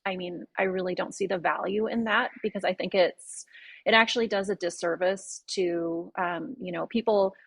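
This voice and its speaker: A woman's voice: fairly low pitch, fairly even intonation, normal speed, creaky, breathy edge, no echo. A Canadian woman speaking as a guest on a panel discussion, talking earnestly with many fillers and restarts.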